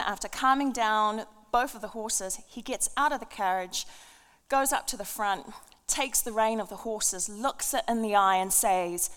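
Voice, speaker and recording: A woman preacher with a fairly high voice tells an animated story and then reads scripture aloud. She laughs at her own jokes. Her voice rings with a long reverb, as in a church hall. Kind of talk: sermon with a humorous opening story.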